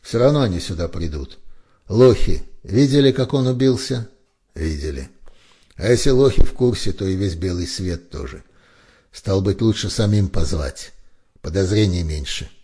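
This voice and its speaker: A man voicing a gruff, blustering middle-aged boss of a criminal hideout. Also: low-pitched, lively intonation, moderate pace, dark tone. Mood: gruff, practical.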